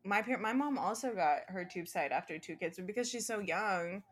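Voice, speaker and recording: Young woman, mid pitch; earnest, reassuring casual host. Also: animated, fairly quick. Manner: earnest and reassuring, talks the listener through steps. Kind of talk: casual chat.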